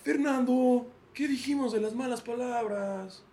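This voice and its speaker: A man's voice: very high voice, unhurried, mellow, pitched above the performer's own voice. A man with a Mexican accent voicing a worn-out middle-aged father who pleads with his squabbling kids in an exasperated, whiny voice. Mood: weary pleading.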